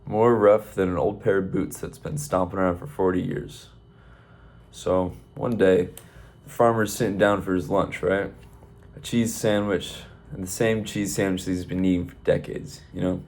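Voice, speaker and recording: A man's voice: sits low, fairly even intonation, normal speed, a little mellow. A man telling a long, rambling shaggy-dog joke in a folksy storytelling manner, peppered with "by God". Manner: folksy, rambling, repeats 'by God'. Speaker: comedian.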